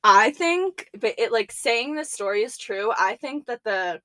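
A woman's voice: fairly high pitch, expressive, a little slow, fairly bright tone, no echo. A young woman co-hosting a podcast, reading a story aloud and chatting casually, laughing between lines. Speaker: podcast co-host.

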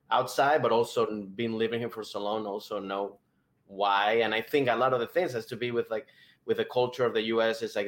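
A man from Venezuela, a podcast co-host who rambles casually and keeps saying "I mean". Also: fairly low pitch.

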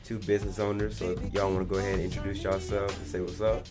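Deep-voiced laid-back man hosting. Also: level tone, quick pace, over music. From New Orleans, US. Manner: easygoing, laid-back slang. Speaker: podcast host. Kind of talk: casual interview chat.

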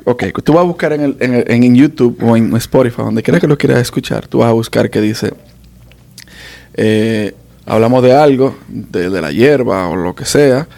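Dominican male podcast host, gravelly voice, playful teasing banter in a studio. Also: medium pitch, normal speed, mellow. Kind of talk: casual podcast chat. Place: recording studio.

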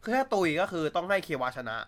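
A man's voice: high voice, big pitch swings, fast, fairly bright tone, smooth. A man chatting casually on a livestream, blunt and crude, joking, with many filler sounds. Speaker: streamer.

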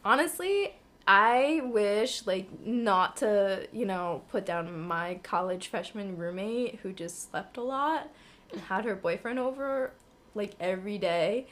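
A young adult woman with a raspy, hoarse voice like a smoker's, partly lost from flu, chatting casually in a wry, self-deprecating way. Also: medium pitch, animated, slow pace. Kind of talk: casual chat.

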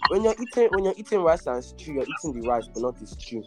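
A man's voice: fairly high pitch, very animated, fast, loud music behind the voice. A man hosting a podcast quiz over a phone call, reading riddles with lots of hesitant fillers and teasing bickering. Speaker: podcast host, quizmaster. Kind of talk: casual group chat, reading riddles.

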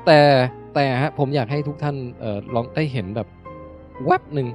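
A man hosting a live show, giving a formal, drawn-out stage introduction. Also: mid-range voice, darkish tone. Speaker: host. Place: university auditorium. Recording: echoey hall, distant mic, music.

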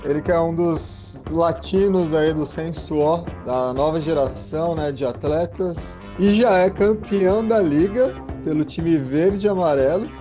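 A man's voice: a little high, measured pace, few pauses, over music. A man hosting a casual podcast, interviewing a guest in a playful, teasing way. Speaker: podcast host.

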